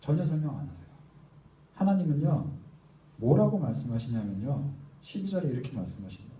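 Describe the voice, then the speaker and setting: A man's voice: a little high, very animated, a little fast, mellow, recorded from a distance. A young adult man preaching to a church youth group, emphatic and full of rhetorical questions. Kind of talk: sermon. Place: church hall. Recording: roomy echo, voice heard from afar.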